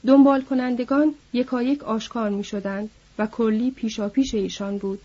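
A woman reads an audiobook in a measured, somber way. Her voice is mellow and husky and sits a bit high, and the lo-fi recording sounds dull. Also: steady tone. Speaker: narrator. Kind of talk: audiobook narration.

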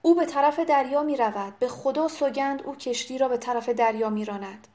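An enraged, commanding gentleman bellows orders and threats across the harbor, as a woman puts him on. The voice is raised well above a normal speaking pitch. It is read as part of a storybook. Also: lightly acted. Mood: furious shouting. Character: angry commanding gentleman shouting from a quay. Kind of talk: audiobook character reading.

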